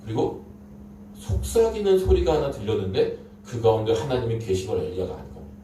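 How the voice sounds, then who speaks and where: This Korean sermon comes from a man whose medium-pitched, mellow voice is very animated and brisk. He tells the story with dramatic emphasis and repeated phrases, heard through a distant mic in an echoing room with faint noise.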